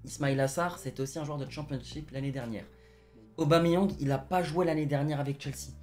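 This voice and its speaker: A man's voice: on the high side, steady tone, fairly quick, darkish tone, faint music behind. A young man co-hosting a casual football chat, giving his opinions with many hedges. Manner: opinionated, hedging with "je pense". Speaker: football channel co-host.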